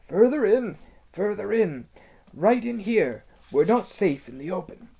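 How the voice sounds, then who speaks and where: A man puts on a nervous talking beaver from a storybook, hoarse and throaty, always half-whispering. The voice rides higher than plain speech and lurches up and down with a gravelly edge. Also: big pitch swings, unhurried, full character voice. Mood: hushed urgent. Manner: urgent, hushed and cautious. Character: wary, secretive male talking beaver.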